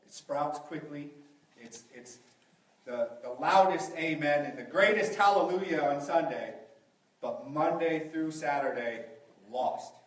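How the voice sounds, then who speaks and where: Echoey preacher at a pulpit microphone. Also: male voice, a little high, measured pace. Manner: asks the congregation rhetorical questions. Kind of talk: sermon. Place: large echoey church hall. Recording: very echoey, from a distance.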